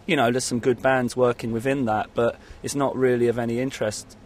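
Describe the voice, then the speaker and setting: A man with a medium-pitched, fairly monotone voice talks at a fairly quick pace over slight background noise. He's a musician in a casual interview, rambling and hesitant, and he keeps saying "you know."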